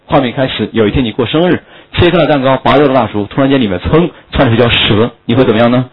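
A man teaching English vocabulary in a lively classroom lecture, full of rhetorical questions and jokey memory tricks. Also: medium pitch, fast talker, slightly rough. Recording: dull lo-fi lecture recording.

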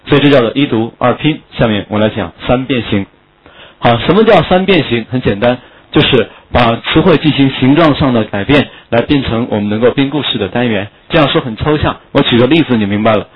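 Brisk, husky-voiced man teaching vocabulary. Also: medium pitch, expressive. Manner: rhetorical questions, jokey memory tricks. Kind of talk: lively classroom lecture. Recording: dull lo-fi lecture recording.

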